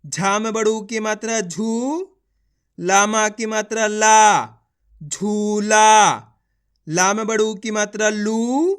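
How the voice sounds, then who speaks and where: A man with a high, fairly bright, smooth voice gives a very slow beginner reading lesson with fairly even intonation. He sounds out syllables one at a time and blends them into words, encouraging his viewers and repeating instructions to them.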